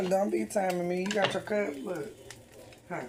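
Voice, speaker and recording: A woman's voice: mid-range voice, fairly even intonation, unhurried. A woman chatting casually and informally as she cooks at home, with heavy breathing between and under her words. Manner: breathing heavily; informal, off-the-cuff. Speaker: home cook vlogger. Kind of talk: casual cooking chat. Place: home kitchen. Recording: noisy kitchen, sizzling frying pan. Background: food frying and sizzling.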